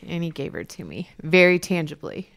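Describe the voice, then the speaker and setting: Low gravelly-voiced woman podcast co-host. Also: sing-song, moderate pace. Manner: chatty, laughs often. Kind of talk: casual chat.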